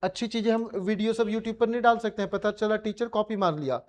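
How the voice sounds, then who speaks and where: A man's voice: sits high, fairly quick, darkish tone. Coaxing Indian physics teacher, man. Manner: colloquial, coaxing students with repeated questions. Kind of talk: classroom revision lecture.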